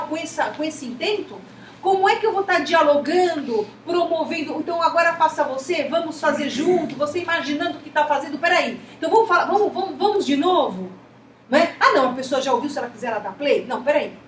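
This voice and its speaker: A woman with a Brazilian Portuguese accent teaching a class of teachers, talkative and full of rhetorical questions. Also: high-pitched. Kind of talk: lecturing a class. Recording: echoey room, distant mic, faint noise.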